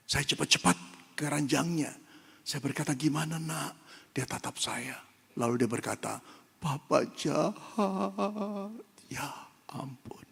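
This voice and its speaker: A pastor with a husky, gravelly voice preaches in a church, moving from storytelling to fervent appeal. His voice sits fairly high and rings out in a long hall reverb. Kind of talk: sermon.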